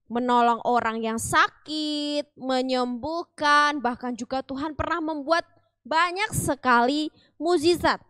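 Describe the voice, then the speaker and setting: Woman Sunday school teacher, high voice, unhurried animated storytelling for children, dry recording. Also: no room sound. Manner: animated, asks the children questions. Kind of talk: telling a Bible story to children.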